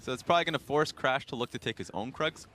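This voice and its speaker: A man's voice: medium pitch, fast talker, bright, forceful tone, slight background noise. A man doing color commentary on a live esports match, analytical and explaining plays at length.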